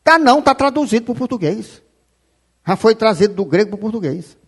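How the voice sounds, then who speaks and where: A man preaches a fiery sermon in a very high voice. He shouts and scolds his listeners, and his pitch swings wildly from phrase to phrase. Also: lively intonation, brisk, breathy edge. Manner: shouting, scolding, repeating "rapaz"; quotes scripture aloud. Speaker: pastor.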